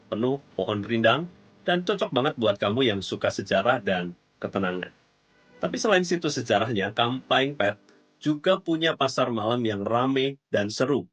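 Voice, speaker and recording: Male vlog host, mid-pitched, chatty and slangy, bouncy emphasis, talks right to the viewer. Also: a bit bright. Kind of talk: casual storytelling commentary.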